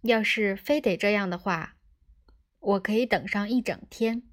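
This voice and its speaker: A woman's voice: medium pitch, a little slow, natural voice. A woman voicing a ship's computer with a bossy motherly persona, sugary and scolding in an audiobook reading. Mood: indignant.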